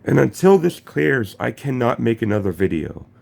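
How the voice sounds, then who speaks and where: A young gaming YouTuber vlogs casually while sick with a cold, his throat congested, swearing freely and stammering and restarting as he talks. His mid-range voice is gravelly and a little mellow, with a sing-song lilt at a moderate pace.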